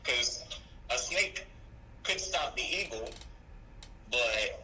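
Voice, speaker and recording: Man heard through a phone on speaker, very bright tone, matter-of-fact explainer. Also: mid-range voice, lively intonation, slow, rough recording. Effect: speakerphone call. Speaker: phone-in friend. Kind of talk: casual chat.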